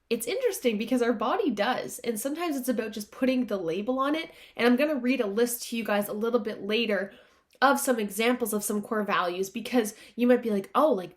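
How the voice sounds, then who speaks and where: A woman hosting a self-help podcast in a fairly high voice. She sounds congested and nasal, as though her nose is pinched shut by allergies. Her delivery is earnest and informal, addressing listeners directly with motivational advice. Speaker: podcast host.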